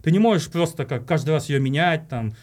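Higher-voiced man explaining at length. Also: fairly quick, darkish tone. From Uzbekistan. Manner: explains at length, often addressing listeners as "guys". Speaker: marketing director, podcast guest. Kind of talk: casual interview talk.

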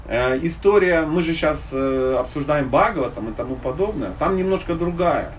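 Speaking live to a group of listeners, a higher-pitched, animated spiritual teacher from Dnipropetrovsk, Ukraine, delivers an informal religious lecture at a normal pace and fields audience questions. He teaches with humorous allegories in a blunt, slangy, conversational manner. Faint background noise comes through the distant microphone.

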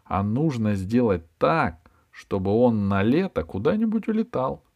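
A man's voice: mid-range voice, sing-song, measured pace, darkish tone, lo-fi sound, voice pushed up. A man doing a cocky young scientist. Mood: excited. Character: boastful young male biologist, impatient and sure of himself.

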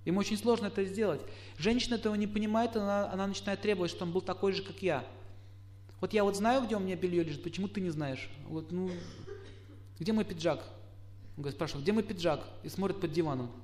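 A middle-aged man giving a lecture, putting questions to his listeners and acting out quoted spouses in lively asides. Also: high voice. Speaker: astrologer lecturer. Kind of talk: lecture to a live audience.

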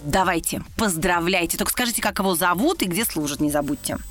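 A woman's voice: on the low side, lively intonation, quick pace. A woman hosting a radio show, chatting with callers in an effusive, affectionate, gushing way.

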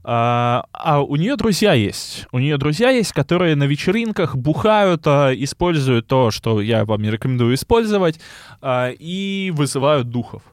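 Male podcast co-host, burred R, faint lisp, halting conversational delivery, close dry sound. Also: a little high, very animated, no echo. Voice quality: burred R (rhotacism); slight lisp. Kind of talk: casual podcast chat.

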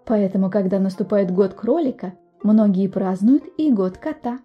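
A woman narrating a bedtime fairy tale, gentle and expressive, talking to the listener. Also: mid-range voice, normal speed, lo-fi sound, soft background music. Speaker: storyteller, podcast host. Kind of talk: scripted bedtime story narration.

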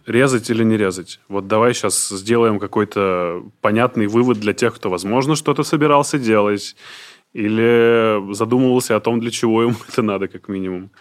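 A young man in his late twenties hosts a relaxed podcast, his voice somewhat low. He asks curious, probing questions and keeps a light, joking tone. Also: moderate pace. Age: late 20s. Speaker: podcast host. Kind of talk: casual podcast interview.

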